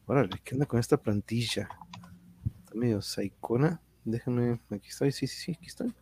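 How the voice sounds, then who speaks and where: Husky Mexican man hosting a casual livestream. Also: mid-range voice, a little fast, a little mellow, no echo. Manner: informal, rambling, slangy. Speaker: livestream host. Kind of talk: casual chat with viewers.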